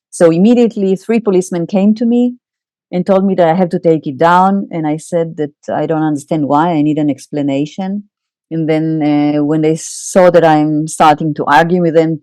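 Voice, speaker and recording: A middle-aged psychoanalyst with an Israeli accent appears as an interview guest, telling her story candidly with halting pauses and wry laughs. Her voice is lowish and warm, and the recording is dry.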